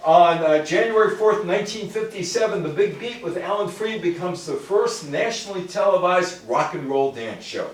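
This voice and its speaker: This high-pitched older American lecturer talks at a moderate pace with lively intonation and few pauses. In his informal public talk on music history, he reads quotes, comments on them, and speaks directly to his audience in short asides. The recording was made with a distant microphone in a very echoey room.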